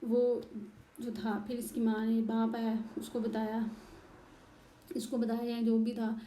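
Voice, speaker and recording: Mellow-voiced woman. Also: on the high side, slow, roomy sound, slight background noise. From Pakistan. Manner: animated storytelling, acting out heated arguments. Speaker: interviewee recounting her marriage. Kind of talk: emotional personal testimony.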